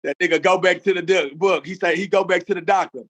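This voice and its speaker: A man with a fairly high voice chats casually and spins a long, rambling joke. His delivery is animated, and he often stumbles and repeats words as he pushes the story along. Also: fast. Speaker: co-host.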